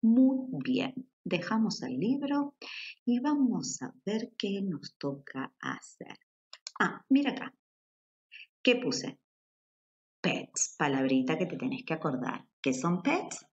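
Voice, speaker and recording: A woman's voice: on the low side, sing-song, slow pace, lo-fi sound. A woman with a Rioplatense Spanish accent teaching a children's English lesson, patient and spelling words out letter by letter.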